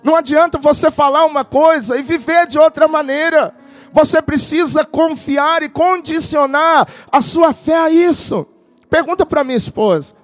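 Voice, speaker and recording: A man preaching a sermon as pastor, moving between intimate storytelling and loud shouted declarations. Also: extremely high pitch, moderate pace. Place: church tent.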